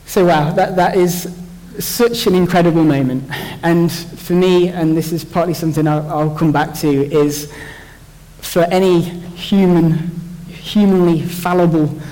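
A young man talks through a Bible story in a loose, joking way, often restarting his sentences as he thinks aloud. His voice sits a little high for a man. The sound carries a long reverb, as if recorded in a large hall. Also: steady tone, measured pace, mellow. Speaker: church speaker. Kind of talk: informal Bible talk.

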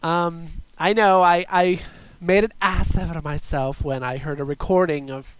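A man's voice: fairly high pitch, steady tone, moderate pace, clean tone, no room sound, low-quality recording. A man hosting a show with a chatty, campy drag queen delivery. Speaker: show host.

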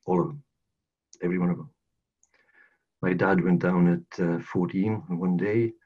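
A low, slightly mellow voice with a breathy edge belongs to an older Welsh-accented man from South Wales, telling his life story on a podcast. He leans on repeated phrases for emphasis in the casual, earnest interview, and the recording is dull and lo-fi.

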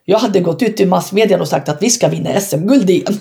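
A woman's voice: lowish voice, gravelly. A woman, a former basketball player, telling her story in an interview with frank emphasis and acting out past conversations. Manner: animated, acts out past dialogue in her stories.

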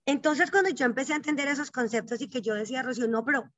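A woman's voice: high-pitched, animated, fast, a bit bright, no echo, lo-fi sound. A woman in her thirties, a guest in an interview, telling her story in an earnest, emphatic way and often checking in with the listener. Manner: emphatic, repeats questions like "¿cierto?".

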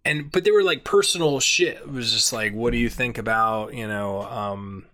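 A man's voice: mid-range voice, moderate pace, pushed and bright. A man in his mid-thirties hosting a podcast, telling loose, profane stories in casual chat. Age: 30s. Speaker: podcast host.

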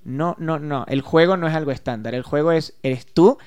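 Animated Venezuelan man, smooth voice. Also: fairly high pitch, normal speed. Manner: animated, acts out voices when quoting people. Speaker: guest music therapist. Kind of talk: casual conversation.

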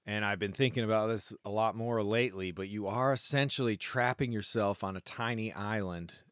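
Low-voiced man with a phlegmy, chesty sound. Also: no echo, studio quality. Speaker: solo sailor, vlogger. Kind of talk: casual reflective vlog monologue.

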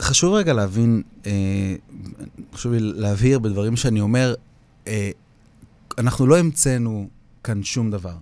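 A man's voice: fairly low pitch, darkish tone. A man with an Israeli accent, the founder of a community singing project, talking in an interview in an earnest way and repeating phrases for emphasis. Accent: Israeli Hebrew. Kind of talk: interview, reflective talk.

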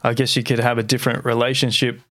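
A man hosting a casual interview, talking in a relaxed, reflective way with lots of agreeing yeahs. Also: medium pitch, fast, no echo. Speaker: interview host.

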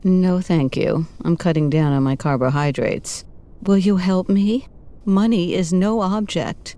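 An actress playing a coy, sultry married client in a parody noir audio drama, speaking softly. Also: female voice, fairly low pitch, measured pace, close to an everyday voice. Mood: breathy pleading. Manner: soft-voiced, coy.

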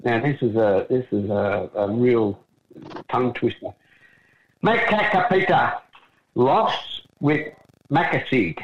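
A man's voice: mid-range voice, expressive, slow pace, a little hiss or hum. An Australian man co-hosting a casual chat in a rambling, hesitant, matey way, recorded with dull lo-fi sound. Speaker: co-host.

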